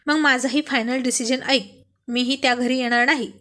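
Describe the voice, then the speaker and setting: A woman voicing an angry, hurt young wife who scolds her husband, speaking louder and higher. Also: fairly even intonation, moderate pace. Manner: sharp, scolding, emotional.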